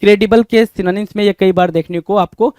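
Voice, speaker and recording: High-voiced Indian man teaching vocabulary. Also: steady tone, fairly quick, a little mellow, no echo. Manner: keeps asking the class rhetorical questions, calls them "bhai". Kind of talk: exam-prep vocabulary lesson.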